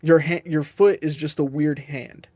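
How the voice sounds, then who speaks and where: A man's voice: fairly high pitch, steady tone, unhurried, a little mellow, no echo, studio quality. A man co-hosting a casual sports podcast, talking in loose, self-correcting explanations. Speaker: podcast co-host.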